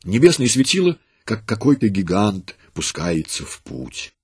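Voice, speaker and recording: A man reading a religious story aloud in a solemn, dramatic manner, with a husky voice. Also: lowish voice, very animated, unhurried, dry recording, clean studio sound. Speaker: narrator.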